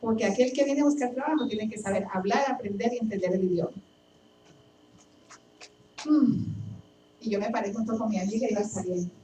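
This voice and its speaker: A woman's voice: mid-range voice, fairly quick, long pauses, warm tone. A woman preaching a sermon, telling her own story and asking emphatic questions with much repetition. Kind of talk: sermon with personal testimony. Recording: echoey and distant, faint background noise.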